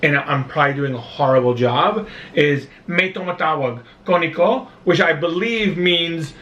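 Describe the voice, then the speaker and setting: A man co-hosting a vlog in casual chat, rambling and self-deprecating, with halting restarts. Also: fairly high pitch, a bit bright, lo-fi sound. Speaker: vlog co-host. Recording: roomy echo.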